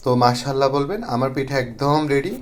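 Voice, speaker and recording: A man's voice: medium pitch, quick pace. A young man from Bangladesh, a cooking vlogger, walks through a recipe step by step in a friendly, casual way.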